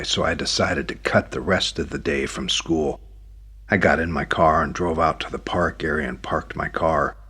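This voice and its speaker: Husky low-voiced male audiobook narrator. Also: fairly bright tone. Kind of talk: first-person audiobook narration.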